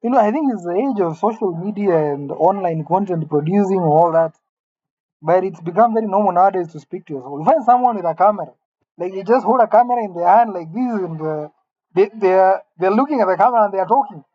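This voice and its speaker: Alone in an empty room, a vlogger in his late twenties muses aloud to the camera in a wry, rambling, self-mocking monologue. His high voice is animated and fast, captured with lo-fi sound.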